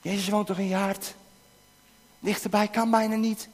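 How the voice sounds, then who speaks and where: A man leading an interactive children's talk in church, coaxing the kids with questions and now and then breaking into shouts. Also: high voice, flat delivery, moderate pace. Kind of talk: interactive object lesson with children. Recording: long hall reverb.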